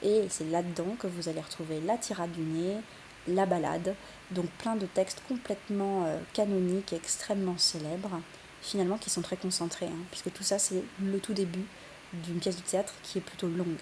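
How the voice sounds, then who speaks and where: Young woman teacher, gravelly lowish voice, lots of um and restarts, bit of hiss. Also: fairly even intonation, normal speed, mellow. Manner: explanatory, many fillers and restarts. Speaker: French literature teacher. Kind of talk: recorded lesson for students.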